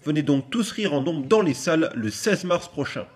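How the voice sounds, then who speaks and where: A man with a fairly high voice reads a scripted voice-over narration. The delivery is smooth and promotional. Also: lively intonation, normal speed, background noise.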